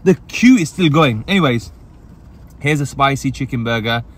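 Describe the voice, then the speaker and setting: A man's voice: mid-range voice, animated, moderate pace, a bit bright. A man reviewing food in a parked car, chatty and upbeat, talking while he eats. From England. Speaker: food reviewer and channel host. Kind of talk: casual food review vlog.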